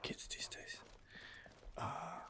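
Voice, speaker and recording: Whispering into a nearby home mic, this man narrates gameplay as an ASMR let's play host, his commentary soft and hesitant with frequent filler-laden pauses.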